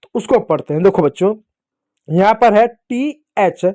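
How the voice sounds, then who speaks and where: A man's voice: high-pitched, lively intonation, measured pace, dark tone. A male teacher with an Indian Hindi accent, giving a lesson to children and patiently repeating points and answering his own questions.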